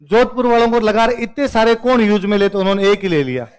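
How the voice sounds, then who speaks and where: A man's voice: sits high, quick pace, clean tone, rough recording. A man with a Rajasthani accent whose first language is Rajasthani, teaching a humorous classroom lecture and playfully repeating words to contrast how they are said. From Rajasthan, India.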